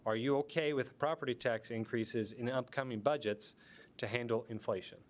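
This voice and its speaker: A man's voice: medium pitch, steady tone, moderate pace. A man moderating a candidate forum, reading out questions and voting reminders with a few fillers. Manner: reads questions and announcements with fillers.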